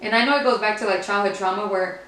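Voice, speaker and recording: A woman speaks in a casual, candid storytelling way, like a podcast co-host sharing personal experience. Her mid-pitched voice rings in a very echoey room, picked up from a distance with faint noise. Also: fast talker, a bit bright. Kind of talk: casual personal faith conversation.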